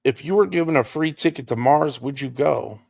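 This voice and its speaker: A young man with a gravelly, creaky voice co-hosts a relaxed podcast. He jokes and rambles, often trailing off mid-thought, and the sound is close and dry. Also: fairly high pitch, moderate pace, dry recording. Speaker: podcast co-host. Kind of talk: casual chat.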